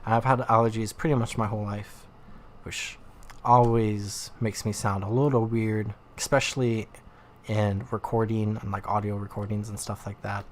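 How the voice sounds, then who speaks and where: A gaming YouTuber with an allergy-nasal voice rambles casually through let's play commentary on the game he's playing, packing in plenty of "like" fillers. His voice is lowish with little pitch movement, at a moderate pace, over slight background noise.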